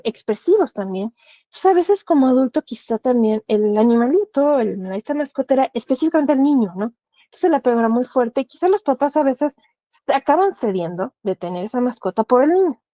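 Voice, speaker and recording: A woman's voice: high-pitched, dark tone, no room sound, muffled recording. A woman thanatologist, speaking earnestly and giving direct advice, often asking rhetorical questions. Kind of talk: explanatory talk.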